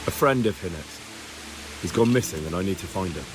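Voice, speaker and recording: A man's voice: sits low, animated, moderate pace, over music, low-quality recording. A man voicing a determined, blunt young hero in a medieval video game. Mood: probing.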